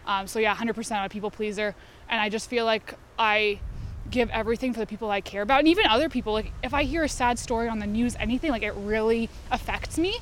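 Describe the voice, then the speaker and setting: A young woman from Albania, speaking with a fairly high voice, talks chattily as a guest, full of fillers and quick bursts. Faint traffic noise is heard around her outdoors. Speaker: interview guest. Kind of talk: casual interview.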